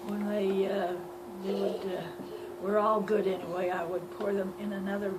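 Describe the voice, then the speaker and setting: An elderly woman telling a story from her life as an informal reminiscence, halting, searching for words and repeating phrases. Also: medium pitch, flat delivery. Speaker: grandmother telling life stories. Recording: loud background noise, amateur home recording.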